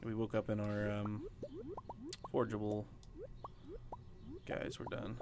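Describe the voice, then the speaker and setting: Slow and gravelly, a man's lowish, level voice carries a casual let's play of a farming game. As a streamer, he chats with his viewers while playing and fills his talk with lots of fillers.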